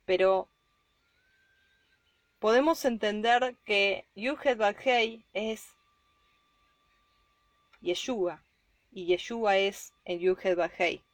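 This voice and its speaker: Slow, emphatic woman preacher. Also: medium pitch, no echo. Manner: slow, emphatic, rising on key points. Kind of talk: Bible reading and devotional sermon.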